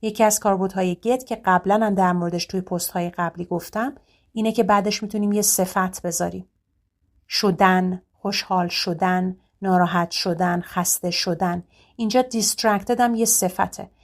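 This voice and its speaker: The speaker is a woman with a Persian accent leading an English grammar lesson. Her explanations come quickly, while the English examples are read slowly and clearly, all in a steady tone at medium pitch.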